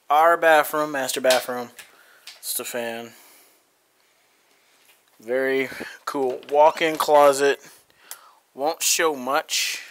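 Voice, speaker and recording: His voice runs a little high with a fairly bright tone as he rambles, fillers and all, through a relaxed vlog. He's a man in his thirties, indoors between his bedroom and living room, filming on a phone camera held at arm's length. Sound bounces hard off the bare walls, and a faint noise sits underneath.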